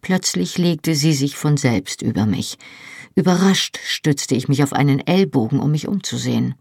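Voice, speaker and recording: A woman narrating an audiobook in first person, calm and intimate. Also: sits low, normal speed, gravelly, slightly rough, dry recording, clean studio sound. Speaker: audiobook reader.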